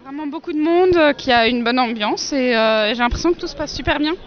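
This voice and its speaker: Soft-spoken woman at a festival. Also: high-pitched, fairly quick. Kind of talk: festival interview. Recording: muffled lo-fi recording outdoors.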